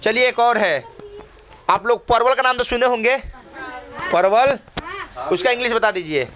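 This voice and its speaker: A man's voice: sits high, a bit bright. Bhojpuri-accented male teacher quizzing a class. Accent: Bhojpuri-tinged Hindi. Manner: questioning, repeats phrases for the class. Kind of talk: classroom English lesson. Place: classroom with children.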